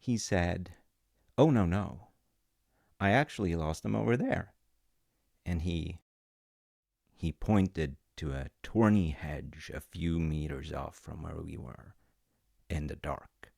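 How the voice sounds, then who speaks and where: Very deep and gravelly, this man's voice moves slowly and tenderly as he roleplays a father soothing someone with a story, poking fun at himself along the way. The recording is dry and close-miked, with no room sound at all.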